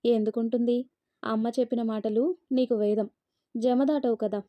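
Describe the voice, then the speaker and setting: A woman's voice: on the high side, steady tone, moderate pace, no echo, muffled recording, natural voice. A woman voicing a cold young husband who curtly reproaches his wife. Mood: reproachful. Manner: curt, reproachful.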